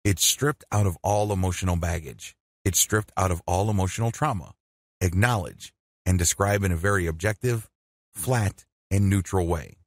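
A man narrates a guided meditation lesson from a script in a deliberate, measured way. His voice is on the low side and husky, with lively swings in intonation. The sound is very dry. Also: no echo. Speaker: meditation instructor.

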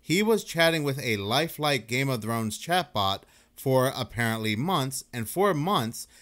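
A man's voice: medium pitch, very animated, measured pace, a bit bright. A man doing casual YouTube commentary and reading news articles aloud, talking loosely with fillers like "basically". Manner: conversational, uses fillers like basically.

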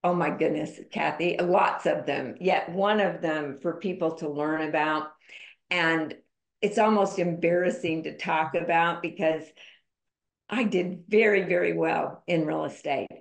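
Lowish, candid woman storyteller, roomy sound. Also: unhurried, gravelly. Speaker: podcast guest. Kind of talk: conversational storytelling interview. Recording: roomy echo.

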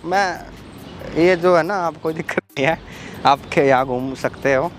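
A man's voice: on the high side, moderate pace. A man playing a prank on a stranger, scolding and ordering her around in a bossy way, recorded outdoors in a park. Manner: bossy, scolding, talks over others. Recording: outdoor traffic noise.

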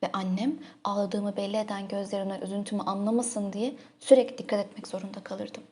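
A woman narrating a literary audiobook in a soft, intimate, emotive manner. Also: mid-range voice, flat delivery, brisk.

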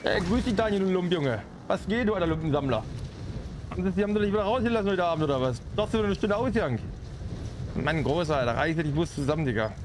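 A young man livestreaming a shooter game, talking in slang, greeting viewers and getting excited at the action. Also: high-pitched, fast. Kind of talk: live gameplay commentary. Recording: game sounds and noise behind. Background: game sound effects, vehicle noise.

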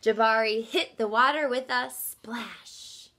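Reading at a slow pace in a voice on the high side, this woman in her thirties presents a picture book the way a teacher would. She stays expressive and instructive, pausing to explain and to ask the young audience questions directly.

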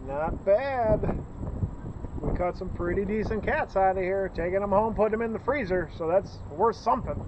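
A high-voiced, middle-aged man with a local Northeast Ohio accent narrates his fishing trip at a moderate pace, excited and joking. He is out on a lakeshore in the rain, recording for his vlog on a camera that sits on a stand, bagged to keep it dry. The result is lo-fi, noisy outdoor audio.

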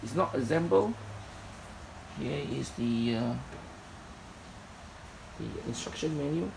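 Walking through an indoor storage unit with a phone camera in hand, a man selling its contents lists them plainly and matter-of-factly, using lots of fillers. His voice is creaky and medium-pitched, with lively intonation and a slow pace. Background noise is audible.

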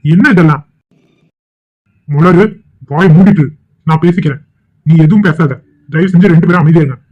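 A man's voice: fairly high pitch, moderate pace, natural voice. A man voicing a stern middle-aged father in a cartoon, scolding and commanding. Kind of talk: cartoon voice acting. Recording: tinny phone-like audio.

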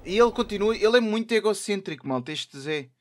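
A young man with a European Portuguese accent giving excitable, trash-talking commentary while playing a wrestling game. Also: high-pitched, quick pace, slight background noise. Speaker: gaming YouTuber. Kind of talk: live gameplay commentary.

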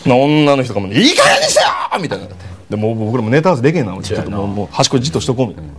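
A man with a Kansai accent telling a comic story, animated and acting out the people in it. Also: medium pitch, very fast, heavy background noise. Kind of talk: comic anecdote.

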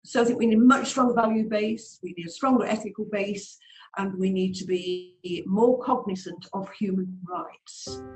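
A woman's voice: mid-range voice, fairly even intonation, normal speed, darkish tone, low-quality recording. Emphatic woman guest speaker. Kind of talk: interview remarks.

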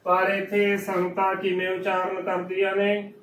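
A man giving a slow, methodical pronunciation lesson, spelling out each word syllable by syllable. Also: high-pitched, completely flat delivery, a bit bright, a little hiss or hum. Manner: drawn-out, syllable by syllable. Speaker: Gurbani pronunciation teacher. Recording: roomy and distant with faint ambience.

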